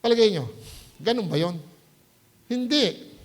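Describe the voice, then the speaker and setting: A man's voice: high voice, animated, a little slow. A male pastor giving a conversational sermon at a church service, mixing English words into Tagalog and often asking "Hello?" to check the congregation is following. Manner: conversational preaching with anecdotes.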